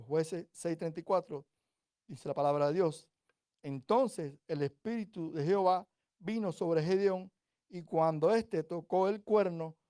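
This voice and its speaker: A man from Cuba delivers a sermon in a mellow, dark voice with a touch of height to it. He talks to his listeners conversationally and keeps checking in with them, then slows and swells when he reads scripture. The sound is dry and close. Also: fairly high pitch, no echo. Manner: conversational, rhetorical "¿cierto?" checks; builds to louder, slower emphasis on scripture. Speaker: preacher.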